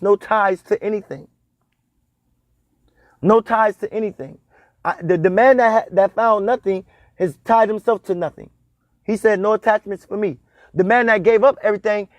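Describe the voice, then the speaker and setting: A man's voice: sits high, darkish tone, no room sound. A man in his thirties giving a spiritual talk on dream meanings, repeating and stressing his points like a preacher. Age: 30s. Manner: repetitive, emphatic, preacher-like cadence. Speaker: spiritual teacher.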